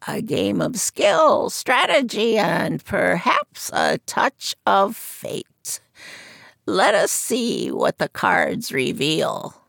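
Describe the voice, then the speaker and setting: A croaking old fortune teller, as a woman puts her on, mischievous and mysterious. She draws out each pronouncement slowly and theatrically, rising high and loud. The voice is gravelly and close, in a dry room. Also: huge pitch swings, dry recording, full character voice. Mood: mystical.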